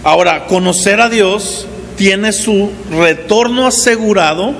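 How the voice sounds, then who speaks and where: A man in his forties preaching a sermon as pastor, talking in a relaxed conversational way and often checking in with the congregation. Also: high-pitched, measured pace, vocal fry, big-room sound, slight background noise. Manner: conversational preaching with frequent "¿verdad?" asides. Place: church hall.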